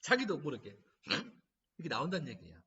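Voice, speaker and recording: A man's voice: fairly high pitch, quick pace, slightly rough. A man lecturing as a laughter therapist, telling stories and acting out the lines people say. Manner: animated storytelling, acting out quoted lines. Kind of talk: humanities lecture. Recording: dull, distant lo-fi recording.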